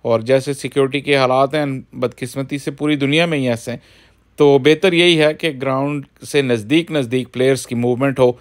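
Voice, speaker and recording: A man's voice: mid-range voice, fairly even intonation, a little fast. Man narrating a casual vlog. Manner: conversational, explanatory, frequent filler phrases. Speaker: cricket vlogger.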